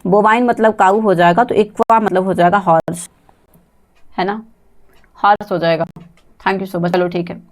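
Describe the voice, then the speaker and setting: Speaking at normal speed with a steady tone and long pauses, this mid-range voice belongs to the online exam-prep English teacher. She calls on students by name from the chat, seeks answers from the class, spells words out letter by letter, and laughs frequently.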